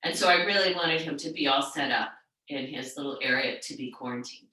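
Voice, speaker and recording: A middle-aged woman teaching a yoga class, telling a story in a rambling, chatty way and then guiding the class gently into a seated relaxation. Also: extremely low pitch, a little fast. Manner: rambling, chatty storytelling with many restarts and fillers. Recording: very echoey room, far from the mic.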